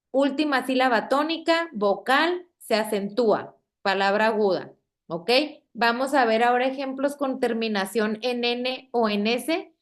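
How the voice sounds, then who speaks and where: A woman with a Mexican Spanish accent teaches a classroom lesson on spelling and stress, speaking slowly and patiently. Her pitch is fairly high, and she keeps checking in with "¿ok?" over and over. The room has a projector screen.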